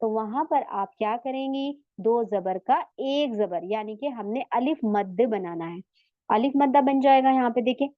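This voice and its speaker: A tajweed teacher with a slightly high, lively voice leads an online class, patiently moving step by step, stopping to quiz her students and drawing Arabic words out slowly to show how they sound. The recording is dry and a bit dull, with no echo.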